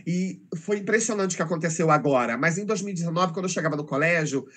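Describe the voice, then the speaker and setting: A man's voice: on the high side, fast talker, a bit bright. A middle-aged Brazilian man telling emotional stories about teaching children in a casual conversation, acting out their voices. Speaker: teacher, interview guest.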